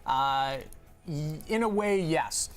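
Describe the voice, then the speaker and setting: A man's voice: on the high side, expressive, slow. A man co-hosting a casual livestream, answering viewer questions and explaining how the game works. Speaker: game developer co-host.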